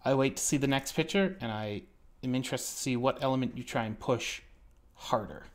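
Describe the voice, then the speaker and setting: A man's voice: medium pitch, a little fast. A man co-hosting a casual online art critique stream, joking and rambling as he corrects himself mid-sentence.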